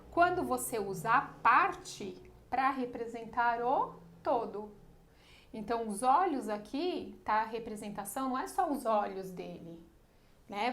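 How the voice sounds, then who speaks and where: A woman with a somewhat high voice teaches an online literature lesson. She explains each step patiently and keeps checking in with short questions to make sure her students are following.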